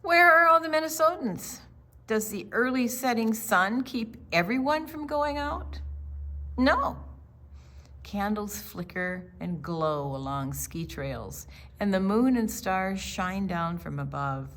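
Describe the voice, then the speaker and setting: Reading slowly at a medium pitch, a woman shares a picture book with young children in an expressive storytime manner full of questions and answers.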